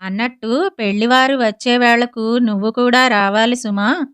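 A woman voicing a cunning older neighbor woman who speaks sweetly and flatteringly, in audiobook storytelling. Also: fairly high pitch, normal speed, clean tone, dry recording, lightly acted. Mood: coaxing.

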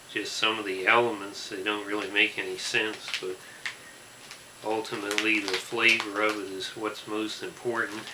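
A man in his forties giving a deadpan, deliberate food review to camera in a small room. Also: on the low side, reverberant. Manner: slow, deadpan, deliberate listing. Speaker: snack reviewer. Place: small room indoors with fabric backdrop. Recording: faint hiss in the room.

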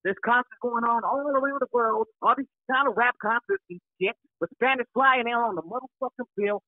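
A man calling in to a show on a muffled phone line that sounds like it comes through a wall, loud and hyped as he shouts people out. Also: very high-pitched, a little fast, no echo. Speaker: caller. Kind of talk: casual call-in chat.

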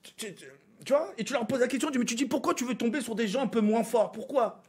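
A man's voice: extremely high pitch, fast, darkish tone. A man from France streaming a game, ranting at his viewers with exasperation, swearing and stumbling over his words. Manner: exasperated, swearing, stammering restarts.

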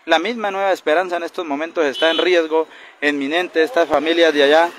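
A man's voice: fairly high pitch, steady tone, a little fast, fairly bright tone. A man in his thirties, a community leader, urgently complaining in a street interview by a roadside, held mics close. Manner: urgent, indignant complaint, pointing things out. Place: roadside outdoors by a bridge. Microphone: handheld news mics held close. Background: passing traffic.

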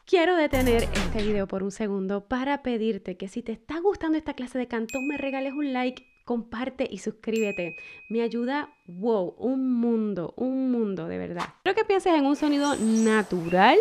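A woman's voice: on the high side, animated, moderate pace, darkish tone. A woman singing teacher guiding vocal exercises, counting students in and demonstrating the sounds herself. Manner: counts in and demonstrates sung and spoken syllables. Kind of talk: guided vocal exercise lesson. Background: piano accompaniment.

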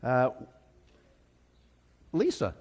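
A man giving halting church announcements with many pauses and fillers. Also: mid-range voice, wildly swooping pitch, darkish tone. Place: church sanctuary. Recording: long church reverb.

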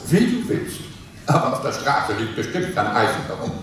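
An actor playing a petulant, henpecked husband in a live comic sketch reading on a theater stage, talking in a blustering, indignant way with chuckles. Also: male voice, fairly low pitch, sing-song, moderate pace, fairly bright tone, distant mic. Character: petulant henpecked husband plotting against wife. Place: theater stage before an audience. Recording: echoey, noisy live theater recording from afar.

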